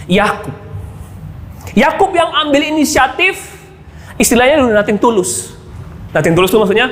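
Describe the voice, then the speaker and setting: A male pastor delivers a sermon in a lively voice that swings widely in pitch. He keeps turning to the congregation and slips into soft asides. The sound rings with long hall reverb over faint background ambience. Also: slight background noise. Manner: animated preaching that keeps addressing the congregation, with quiet asides.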